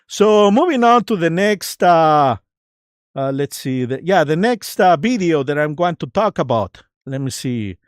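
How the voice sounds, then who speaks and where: Slow talking streamer, dry close sound, sarcastic and combative, fumbling for words off the cuff. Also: mid-range voice, sing-song, dry recording. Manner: halting, loosely improvised, searching for words. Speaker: livestream host. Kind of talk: casual livestream commentary reacting to videos.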